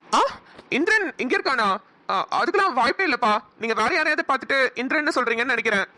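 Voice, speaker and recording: Voice actor as a quick, high-voiced cartoon young man. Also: lively intonation, sharp tone. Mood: worried. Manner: fast, defensive. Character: young man, protective elder brother. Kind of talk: cartoon voice acting.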